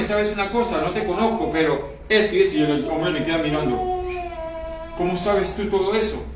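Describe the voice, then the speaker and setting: A man with a high voice preaches with emotion, repeating lines and putting questions to his listeners. His voice echoes heavily around the room, and he is picked up from some distance with faint noise behind. It sounds like a church recording. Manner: emotional, repeats phrases, asks the congregation questions. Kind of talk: sermon.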